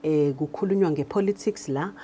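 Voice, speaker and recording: In a brisk, low voice with a warm tone, a South African radio drama director explains what she does during an interview, alternating between Zulu and English. A little hiss or hum is audible.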